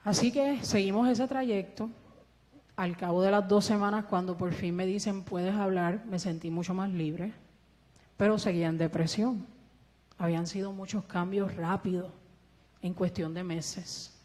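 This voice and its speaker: A woman's voice: mid-range voice, steady tone, unhurried, warm tone. A woman with a Puerto Rican Spanish accent gives an earnest church testimony and speaks with the help of a ventilator, acting out the dialogue as she tells her story. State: breathing with a ventilator. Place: church hall. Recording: long echo of a church hall.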